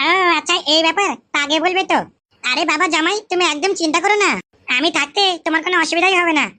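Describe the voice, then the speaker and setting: A woman's voice: very high voice, fast, sharp tone. A woman voicing a coaxing mother-in-law in a comic skit, sweet-talking in a cajoling way. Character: coaxing middle-aged mother-in-law, thirties by her claim.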